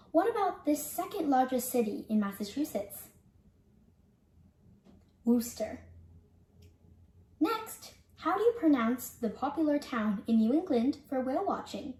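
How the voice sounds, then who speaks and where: A young woman presenting a scripted pronunciation lesson, speaking carefully and deliberately like a teacher. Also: high-pitched, dark tone. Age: young adult. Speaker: student presenter. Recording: echoey room.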